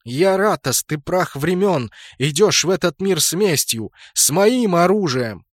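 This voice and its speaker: A man voicing a vengeful goddess, a fierce and mocking woman who shouts her lines in a shrill, drawn-out way. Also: lively intonation, no room sound, studio quality. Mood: furious.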